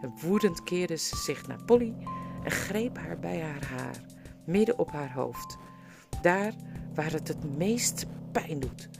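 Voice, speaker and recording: Gravelly woman narrating an audiobook. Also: deep voice, slow. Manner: expressive storytelling. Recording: music playing underneath.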